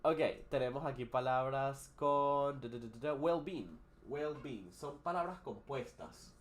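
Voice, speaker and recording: A man's voice: medium pitch, slow. A man teaching English on a live stream, talking loosely with many fillers and restarts as he explains words and their pronunciation. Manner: switches between Spanish and English, explains pronunciation with hesitant fillers.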